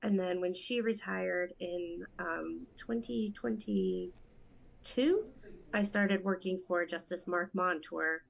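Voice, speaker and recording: The recording is rough, capturing a gravelly, lowish female voice. She's a judicial candidate from Rochester, New York, in her thirties, giving earnest, detailed answers in a casual interview and talking quickly at times.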